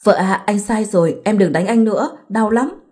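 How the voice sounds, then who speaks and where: A woman voicing a drunk, self-pitying husband who pleads with his wife, read in an even storytelling voice. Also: high voice, moderate pace, close to an everyday voice. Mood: begging.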